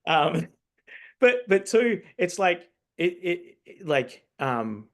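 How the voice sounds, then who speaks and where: Hosting a relaxed interview, a man raised in New Zealand who works as a coach developer poses long, looping questions, rambling, thinking aloud and going back to rephrase. His voice sits high and is very animated, at a slow pace.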